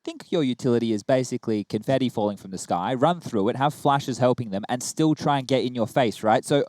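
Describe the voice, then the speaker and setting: Fast-talking male esports analyst. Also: medium pitch, expressive, a little mellow, dry recording. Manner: explains tactics in long runs, often adding "right?". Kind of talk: analytical commentary.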